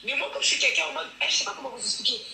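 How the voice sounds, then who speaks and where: Heard from a distance in an echoey space with faint noise, a woman pours out an emotional confession on a live stream, circling back over the same points and breaking into laughs. She speaks rapid-fire in a high, gravelly, bright voice with a forceful edge.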